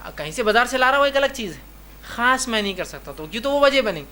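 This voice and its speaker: A man's voice: very high voice, very animated, sharp tone, a little hiss or hum. A man giving a religious lecture. He talks emphatically, keeps repeating "remember" and acts out short dialogues in his examples. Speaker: Islamic preacher.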